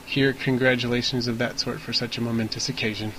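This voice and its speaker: Guy podcast host, average pitch, casual but kinda precise wording, slight background noise. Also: little pitch movement, quick pace, a bit bright, poor audio. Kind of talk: casual explanatory chat.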